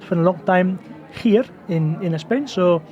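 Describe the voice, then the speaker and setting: A man putting on the voice of a self-assured man from Seville, speaking in halting, broken English with a heavy Spanish accent. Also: high voice, highs cut off. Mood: earnest.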